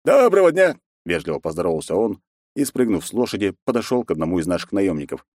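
Expressive male audiobook narrator, dry sound. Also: deep voice, quick pace, dry recording. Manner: expressive storytelling, does character voices. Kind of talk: first-person audiobook narration.

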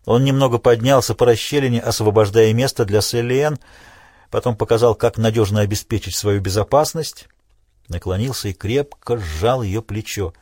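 Guy reading an audiobook, steady dramatic delivery, totally dry sound. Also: lowish voice, normal speed, no room sound. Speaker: audiobook narrator. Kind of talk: scripted audiobook narration.

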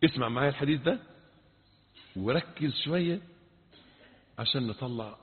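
A man with an Egyptian accent preaching a sermon, emphatic and full of rhetorical questions, moving between forceful and hushed delivery. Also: mid-range voice, expressive, moderate pace. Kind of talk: sermon mixing colloquial and classical Arabic. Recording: tinny, phone-like sound with long hall reverb.

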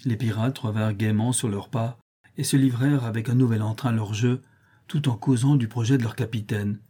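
A man narrating a classic novel as an audiobook in a calm, measured reading. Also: medium pitch, husky. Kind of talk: scripted narration.

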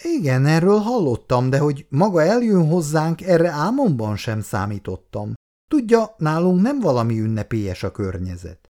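Man doing an eager high-voiced young woman. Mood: surprised. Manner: excited, high-pitched girlish lines. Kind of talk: read-aloud story dialogue.

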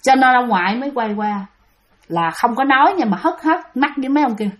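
A woman's voice: fairly high pitch, animated, brisk, a bit bright. Chatty Southern Vietnamese woman telling a ghost story. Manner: chatty, keeps addressing listeners.

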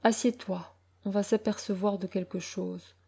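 A woman voicing an anxious, sharp-tongued middle-aged mother who talks in an urgent, scolding way. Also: mid-range voice, fairly even intonation, normal speed, gravelly, husky.

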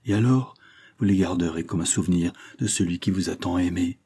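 A man's voice: low-pitched, fairly quick, warm tone, breathy edge. A man reading an audiobook, voicing a passionate, despairing young nobleman in an impassioned, declamatory way. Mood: solemn. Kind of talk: audiobook reading of a classic novel.

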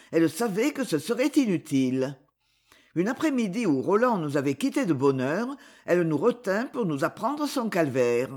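An expressive audiobook narrator reading a literary novel. The voice is slightly husky, and the pitch moves in wide, lively contours.

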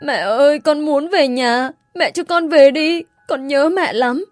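A small boy crying and begging for his mother, his voice lifted high and thin with tears, as a woman reads him in a storybook. Every line comes out as a choked, tearful plea, small and desperate. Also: measured pace, no echo, soft background music. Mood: tearful pleading. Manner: tearful pleading.

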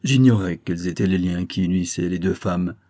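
A man narrating a literary story aloud in a measured, even manner. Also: low voice. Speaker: audiobook narrator. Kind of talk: scripted narration.

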